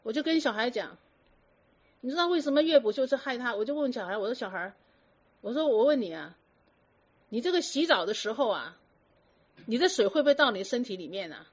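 A woman telling stories about patients to an audience in a lively, lecturing way full of rhetorical questions. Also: fairly high pitch, fairly quick, long pauses, husky. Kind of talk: storytelling talk to an audience. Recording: dull lo-fi recording.

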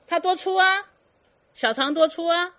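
A woman's voice: very high voice, a little slow, fairly bright tone, muffled recording. A woman giving a Buddhist dharma talk to students, firing teasing rhetorical questions and slipping in English words. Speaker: Buddhist teacher.

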